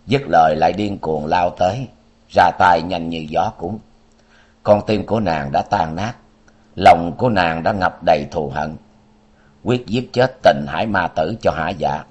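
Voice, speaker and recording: A man's voice: sits low, darkish tone, breathy edge, muffled recording. A man narrating a martial-arts novel as an audiobook with dramatic storytelling.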